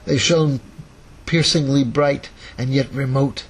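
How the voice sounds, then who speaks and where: A man reading a novel aloud in a relaxed, casual manner, with chatty asides and self-corrections. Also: medium pitch, takes it slowly, slightly rough, low-quality recording. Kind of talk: casual read-aloud narration.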